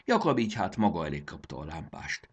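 A man's voice: sits low, very animated, slightly rough. A man narrating a children's storybook expressively, voicing the characters.

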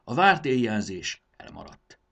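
Expressive lively storybook narrator, man. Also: mid-range voice, gravelly. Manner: expressive reading, does character voices.

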